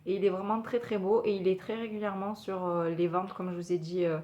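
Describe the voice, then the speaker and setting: A woman's voice: medium pitch, little pitch movement, a little fast, highs cut off, background noise. A woman talking casually as a beauty vlogger, chatty and hesitant with many fillers. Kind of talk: casual product review.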